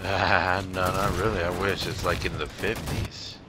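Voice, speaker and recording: A man's voice: deep voice, level tone, unhurried, very noisy. A man joking around wryly in casual chat while gaming with friends. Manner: wry, joking. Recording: loud game gunfire behind.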